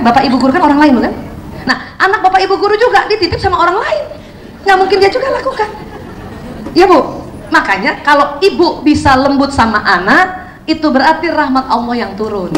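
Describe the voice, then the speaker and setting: A woman speaker giving a lively parenting seminar, chatting with her audience and often asking them questions. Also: high-pitched, slight background noise. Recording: roomy hall sound, faint ambience.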